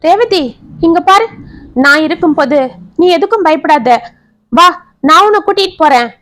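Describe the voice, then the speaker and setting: A woman's voice: very high voice, lively intonation, normal speed, fairly bright tone, no room sound, pitched above the performer's own voice. A woman storyteller voicing an earnest, devoted young man in a family story. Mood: reassuring. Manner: earnest, pleading.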